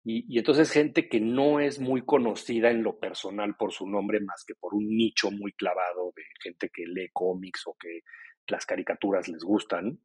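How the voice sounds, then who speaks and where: A man being interviewed as co-founder of an audio entertainment company, talking in a thoughtful, relaxed way with some restarts. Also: fairly low pitch, normal speed, husky, no room sound. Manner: thoughtful, many restarts and fillers.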